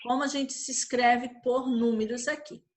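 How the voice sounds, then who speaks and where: A woman's voice: on the high side, fairly even intonation, normal speed, a little hiss or hum. A Brazilian woman teacher explaining a worksheet in an online class, patient, using diminutives and often checking in with the children. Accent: Brazilian Portuguese.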